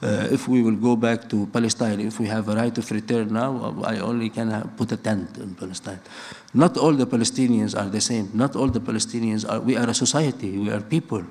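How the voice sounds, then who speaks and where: This middle-aged Lebanese-raised native speaker talks briskly in a fairly low, slightly mellow voice with fairly even intonation. His public address is earnest, marked by frequent restarts and points built up through repetition.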